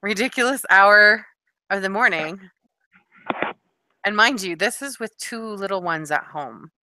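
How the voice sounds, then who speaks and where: A woman's voice: mid-range voice, animated, a little slow, sharp tone, no room sound. A middle-aged woman co-hosting a podcast, telling rambling stories with lots of asides in casual chat. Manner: rambling, chatty storytelling with many asides. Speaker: podcast co-host.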